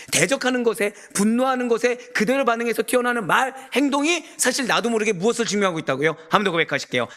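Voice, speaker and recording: Preaching as a pastor, a man with a very high voice delivers an emphatic sermon packed with rhetorical questions for the congregation, at times rising almost to a shout.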